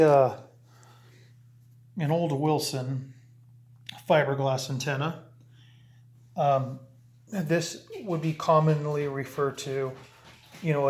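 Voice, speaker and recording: Slow and often pausing, a man with a mid-range, darkish, steady voice explains radio setup while handling equipment. He's a CB radio hobbyist making a casual, rambling how-to video on a camera mic, restarting his explanations hands-on.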